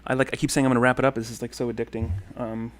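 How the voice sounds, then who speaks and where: Racing along at medium pitch with hardly any rise or fall, a male streamer in his thirties reads out comments. He's friendly and meandering, peppering his chat with ums and thank-yous.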